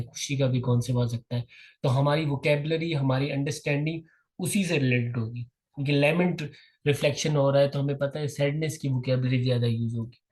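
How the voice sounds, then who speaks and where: A young man with a Pakistani accent leads an online prep class at a middle pitch. He is patient, calls students by name and lets definitions unfold slowly. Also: darkish tone, rough recording. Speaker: test-prep teacher.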